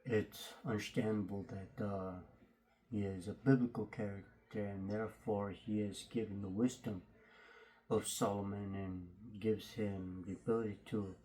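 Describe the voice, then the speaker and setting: A man hosting a casual, unscripted unboxing video, speaking haltingly with his voice slightly muffled through a face mask. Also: lowish voice, a little mellow. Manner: halting, hesitant delivery. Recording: faint background noise, clicks.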